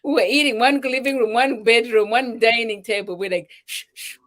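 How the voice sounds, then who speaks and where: Her voice leans high and moves at a normal speed: she's a middle-aged charity founder from Zambia with a Zambian accent. Emotional and animated, she shares her personal story and performs what people said.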